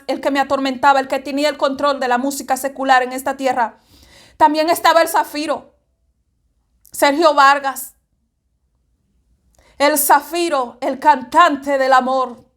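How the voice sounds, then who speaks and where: A woman giving a fervent religious reflection, often repeating herself and speaking straight to the listener. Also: high-pitched. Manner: fervent, repetitive, addresses the listener directly. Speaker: evangelical preacher.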